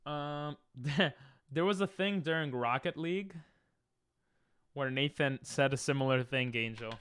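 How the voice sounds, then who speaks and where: A man whose first language is Hebrew chats casually on a game stream, reading chat aloud and slipping into silly freestyle rhymes. His mid-range voice moves at a measured pace, with a fairly bright, clear, resonant tone and no echo.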